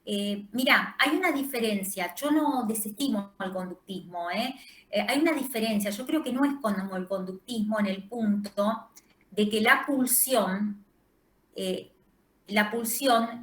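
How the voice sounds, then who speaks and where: Woman lecturer, Rioplatense accent, mid-pitched, roomy echo, halting explanations. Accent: Rioplatense Spanish. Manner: explanatory, hesitant with frequent fillers. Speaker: university lecturer. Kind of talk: online class lecture.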